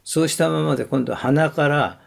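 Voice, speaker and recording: A man calmly explaining breathing and what makes a good voice, step by step. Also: fairly high pitch, moderate pace, gravelly. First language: Japanese. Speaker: voice expert guest.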